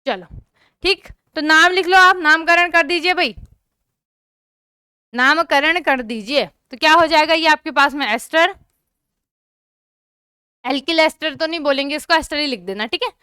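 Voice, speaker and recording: A young woman teaches a chemistry lesson online in a very high, bright voice. She keeps checking that her students are following along and asks them to comment. The sound is close and dry. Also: moderate pace, long pauses, no room sound.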